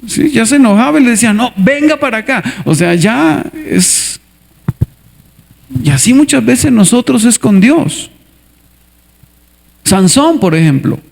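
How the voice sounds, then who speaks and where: A man preaching a sermon as a pastor, animated, acting out little scenes and asking the congregation to answer back. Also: very high voice, measured pace, vocal fry, long pauses. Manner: animated, asks the congregation for responses; acts out scenes with character voices. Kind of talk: lively sermon with acted skits.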